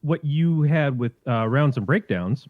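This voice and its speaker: A man's voice: mid-range voice, lively intonation, measured pace, dry recording, phone-quality sound. A man co-hosting a podcast in casual chat, rambling and hesitant with many fillers and restarts, chewing on a cough drop. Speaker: podcast co-host.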